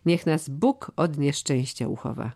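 Here the aging, loyal steward of an audiobook is read by a man whose fairly high voice is creaky and mellow, delivered unhurriedly. Earnest and grave, the steward talks in a solemn, old-fashioned manner.

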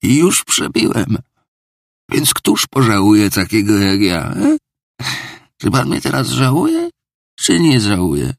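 Audiobook: man doing a boozy older male ex-clerk, raised gravelly voice, pleading, rambling, husky, dry close sound. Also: fairly low pitch, wildly swooping pitch, takes it slowly, long pauses, no room sound, pitched above the performer's own voice, full character voice. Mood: bitter, agitated. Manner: pleading, rambling, theatrical confession. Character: drunken, self-pitying older male ex-clerk. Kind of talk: audiobook character reading.

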